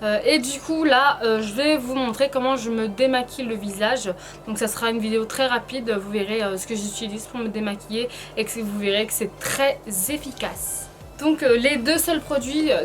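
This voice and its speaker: A woman giving a casual, chatty beauty tutorial, hesitant and informal, her speech slightly impeded by painful braces. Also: on the high side. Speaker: beauty vlogger presenting a tutorial.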